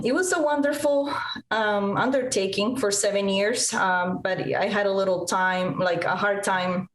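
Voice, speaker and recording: Chatty woman guest in her forties, video call interview, roomy sound. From Colombia. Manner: chatty, eager, many fillers. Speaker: guest, nonprofit CEO. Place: home room over video call. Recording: echoey room with faint rumble.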